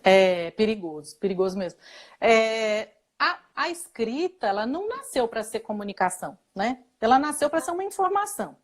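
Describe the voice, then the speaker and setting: Brazilian woman, guest expert, slightly higher voice, chatty explainer. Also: very animated, moderate pace. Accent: Brazilian Portuguese. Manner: explanatory, with fillers and occasional laughs. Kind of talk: casual live chat.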